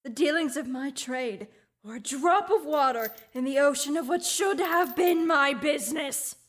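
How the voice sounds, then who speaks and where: This student radio drama features an actor as a sorrowful, chain-bound ghost of an elderly businessman, delivering lines with solemnity and breathy whispered dips. The pitch sits extremely high, the tempo is moderate, and the tone has a touch of brightness.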